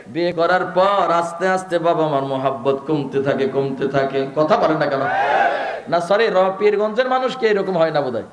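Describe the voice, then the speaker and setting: A man's voice: a little high, animated, moderate pace, a crowd in the background, background noise. Man preaching a sermon in an echoey space. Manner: chanting Quranic verses in a melodic sing-song; emotional, rising preaching with repeated phrases.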